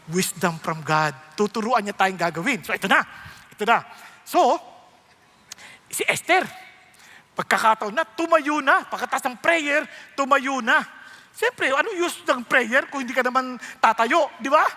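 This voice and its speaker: A man with a Filipino accent preaching a sermon as a pastor, telling stories in an animated, humorous way. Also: very high voice, moderate pace.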